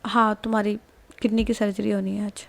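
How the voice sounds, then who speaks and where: A woman's voice: mid-range voice, little pitch movement, brisk, vocal fry, natural voice. A woman voicing a young woman who firmly scolds and questions her partner. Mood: scolding.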